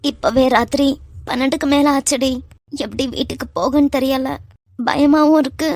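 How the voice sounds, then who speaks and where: A woman voicing a worried, quiet young woman with a Kanyakumari Tamil accent, in a cartoon love story. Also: high-pitched, normal speed, no room sound, studio quality. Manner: quiet, hesitant. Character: worried young woman, timid but fair.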